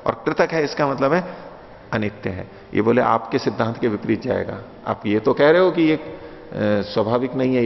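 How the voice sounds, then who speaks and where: A man giving a lesson on Vedic philosophy, reciting Sanskrit lines slowly and then explaining them in a conversational, questioning way. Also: mid-range voice, gravelly. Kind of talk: lecture explaining Sanskrit sutras. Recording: dull lo-fi audio with long reverb.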